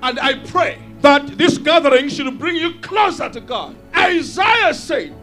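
A man preaching a fervent sermon at full shout, exhorting his listeners. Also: very high voice, animated, unhurried. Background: music.

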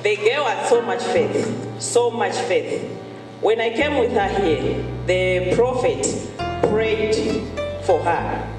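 A woman's voice: mid-range voice, slow pace. A woman from Zambia, giving an earnest church testimony and repeating key phrases for emphasis. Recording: echoey hall, far from mic, music behind. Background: music.

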